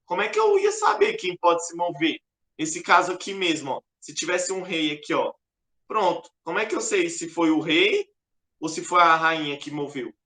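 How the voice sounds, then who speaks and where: Brief: man, chess teacher, crisp bright tone, echoey room, patient and repetitive. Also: fairly high pitch, big pitch swings, moderate pace. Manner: patient, repetitive, keeps pointing things out. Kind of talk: explaining a lesson over a board.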